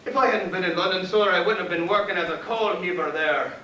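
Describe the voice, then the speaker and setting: A fawning, jittery Irish convict hangman, played by an actor on stage, rambles and pleads in a high, bright voice, saying sir at every turn. He sounds distant and echoey in a theater, with a faint hiss. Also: a little fast. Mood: rambling. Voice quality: wheedling, deferential, endlessly says sir. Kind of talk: live stage play acting.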